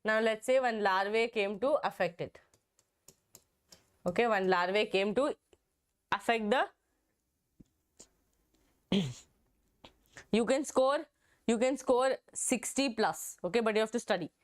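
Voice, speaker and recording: A young woman with a hoarse, strained voice from a throat infection, teaching an exam-prep biology lesson and repeating herself with frequent "okay"s. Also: a little high, measured pace, long pauses. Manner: repetitive, checks in with "okay".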